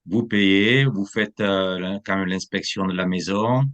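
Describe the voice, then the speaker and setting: A man's voice: sits low, fairly even intonation, unhurried, a bit bright. A man who is a real estate agent, from France, explaining the buying process in an interview and slipping English terms into his talk. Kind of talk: interview answers.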